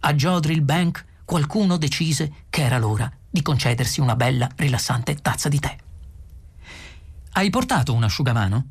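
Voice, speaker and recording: A man reading a novel aloud as an audiobook narrator, in steady, measured storytelling. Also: on the high side, creaky, husky. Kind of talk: scripted narration.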